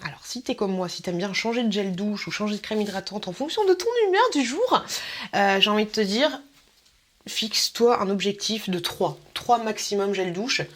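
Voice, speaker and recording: A woman's voice: animated, normal speed, a bit bright. A young woman, chatting casually to camera as a vlogger, laughing often and using slang. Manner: chatty, laughing, slangy, mimics people with sudden high voices.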